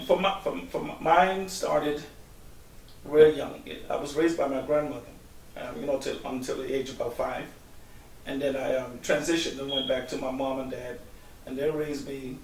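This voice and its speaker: A man's voice: medium pitch, steady tone, normal speed. A middle-aged man from Guyana, a guest answering interview questions in a hesitant way, with many ums and restarts. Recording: echoey room, distant mic, faint hiss.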